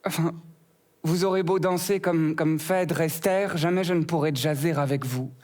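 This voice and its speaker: A man voicing a prim, witty female rose who answers his flirting with sharp retorts. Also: on the high side, steady tone, normal speed, natural voice.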